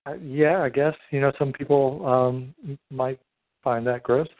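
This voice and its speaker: A middle-aged man hosts a casual three-way phone call. He talks in a halting, wordy way at an average pitch. The sound is thin and tinny, like a dry phone line. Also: steady tone, no room sound. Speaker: podcast host. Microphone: telephone call.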